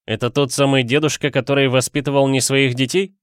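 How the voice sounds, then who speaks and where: A man's voice: medium pitch, flat delivery, fairly quick, clean tone, no echo, studio quality, pitched above the performer's own voice, lightly acted. A man voicing a nervous, reluctant young man in an audiobook. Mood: uneasy. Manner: uneasy, hesitant. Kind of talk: audiobook character voice.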